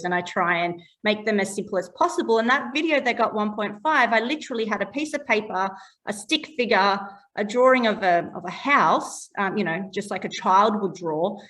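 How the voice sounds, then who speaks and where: A chatty Australian woman laughs often in a casual interview as she explains her work as a property valuer in plain terms. Her voice is medium-pitched with a fairly bright tone, and the mic is distant.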